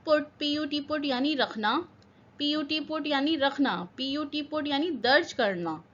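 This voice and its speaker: A woman's voice: sits high, a little slow, a bit bright, dull audio. A woman teaching English vocabulary. She spells each word letter by letter, repeats its meanings, and asks questions that she answers herself. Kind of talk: vocabulary lesson.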